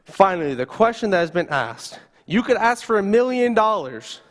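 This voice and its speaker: A man's voice: sits high, big pitch swings, normal speed. Male pastor, vivid storytelling sermon, lifted voice, reverberant church hall. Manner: vivid second-person storytelling.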